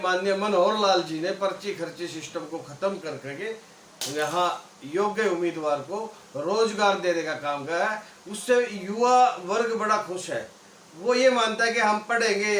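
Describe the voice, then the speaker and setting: A man's voice: high voice, fairly bright tone. A man from Haryana, a party worker giving an interview, answering in a rhetorical, speechlike way with appeals to voters. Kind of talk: campaign-style interview answers. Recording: echoey, far from mic, faint noise.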